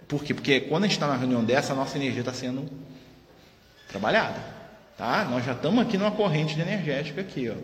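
A man's voice: mid-range voice, a bit bright. A man leading a study group in a spiritist center's meeting room, talking informally, often tagging his sentences with questions and acting out what others said. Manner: conversational, peppers speech with tag questions, acts out quoted speech. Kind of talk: informal teaching talk. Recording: echoey hall with faint noise.

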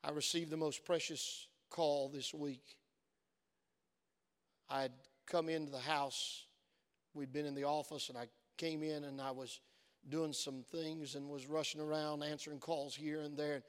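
This man's voice is on the high side, with little pitch movement and a measured pace. Preaching as a pastor, he tells stories earnestly and builds toward fervent exhortation, though his voice is worn from many phone calls. A church hall's long reverb fills the recording.

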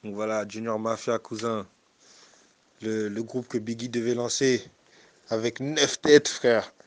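A man's voice: mid-range voice, flat delivery, measured pace, no echo. Joking man, dry close sound. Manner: laughing, joking, slangy. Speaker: friend on a group call. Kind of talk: casual chat.

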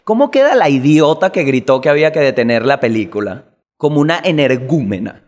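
A man with a Venezuelan accent hosting a comedic news monologue, animated and slangy, swearing and jumping into quick impressions. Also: fairly high pitch. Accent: Venezuelan Spanish. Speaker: comedy show host.

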